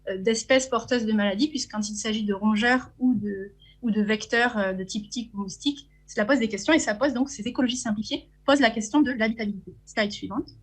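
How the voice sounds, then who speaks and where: A woman's voice: fairly high pitch, fairly quick, breathy edge. A woman with a French accent giving an academic conference talk from slides, hesitant, with frequent fillers and restarts. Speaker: conference speaker.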